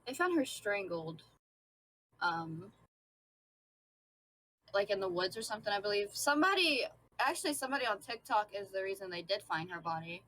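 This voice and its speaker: A young woman talks in a bright, chatty way, stuffing "like" into her sentences and giggling often. Her voice sounds faint and cuts out now and then, since she is on a weaker microphone. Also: mid-range voice, moderate pace, long pauses, slight background noise, poor audio. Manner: fillers of like, giggly, animated. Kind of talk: casual chat. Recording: faint, cutting out from a weaker mic.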